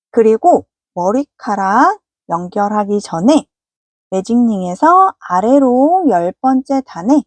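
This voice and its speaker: A woman walks viewers through a crochet project in a patient, polite teaching voice. Her pitch sits a little high and moves a lot as she explains. The sound is dry and close. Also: darkish tone, no room sound. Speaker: crochet instructor. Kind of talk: step-by-step crafting tutorial.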